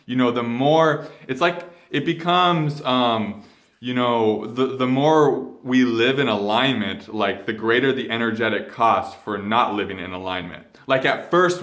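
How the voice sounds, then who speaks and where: A man giving a reflective spiritual vlog monologue, speaking earnestly and haltingly, often repeating phrases as he goes. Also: mid-range voice, a bit bright. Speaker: spiritual video coach. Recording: roomy echo.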